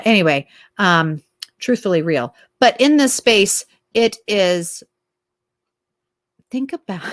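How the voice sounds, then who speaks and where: A sarcastic woman rambles through political commentary on her own show, sometimes dropping to a whisper for an aside. Her voice sits at an ordinary middle pitch. The sound is dry and close, with no room echo. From Minnesota. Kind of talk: casual solo political commentary.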